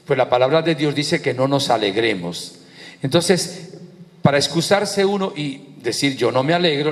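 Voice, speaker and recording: A man with a Venezuelan accent, a priest giving a sermon, telling stories with lively emphasis and building up on repeated phrases. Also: a little high, long reverb tail. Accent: Venezuelan Spanish. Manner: lively storytelling preacher, rising on repeated phrases.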